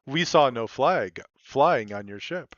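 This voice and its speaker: A man running a tabletop role-play game, speaking measured and filling pauses with ums and uhs. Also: medium pitch, expressive, a bit bright, no room sound, muffled recording. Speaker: game master. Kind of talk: tabletop role-play narration and character voicing.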